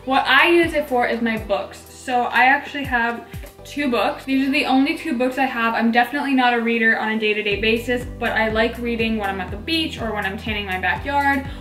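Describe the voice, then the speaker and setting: Bubbly late-teen female vlogger, higher-pitched, faint lisp as if wearing a mouth tray, chatty delivery over music. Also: fairly quick, fairly bright tone. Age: late teens. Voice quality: slight lisp from a teeth-whitening tray in the mouth. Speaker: video host. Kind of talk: casual haul vlog chat. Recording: echoey room, music underneath. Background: background music.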